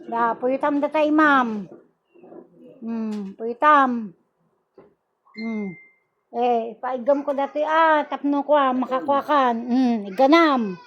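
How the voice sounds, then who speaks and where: A woman's voice: sits high, slow, pauses often, a bit bright, highs cut off, a little hiss or hum. A woman leading a healing ritual, praying and issuing rhythmic, commanding calls. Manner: commanding, rhythmic, chanting exclamations. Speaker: faith healer. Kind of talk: spoken prayer and healing ritual.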